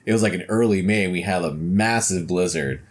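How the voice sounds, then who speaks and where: A man co-hosting a podcast, telling stories in a relaxed, rambling way. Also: sits low, a little fast. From United States. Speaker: podcast co-host. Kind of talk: casual chat.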